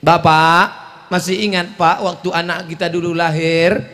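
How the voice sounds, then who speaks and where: A male Islamic preacher giving a humorous sermon, swinging between hushed and shouting. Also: a little high, level tone, normal speed.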